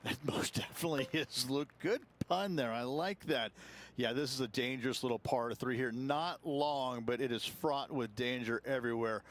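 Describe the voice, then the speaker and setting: A man's voice: mid-range voice, moderate pace, a little hiss or hum. A man doing golf commentary as the analyst in a video game, with folksy, emphatic phrasing.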